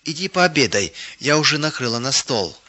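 A man reading the lines of a kind mother giving gentle instructions. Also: medium pitch, animated, normal speed, dull audio.

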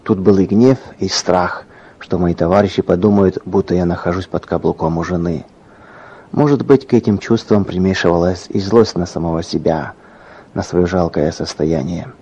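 A man narrating a scripted story in an earnest, dramatic way, sometimes dropping to a hush. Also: low voice. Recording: dull lo-fi recording.

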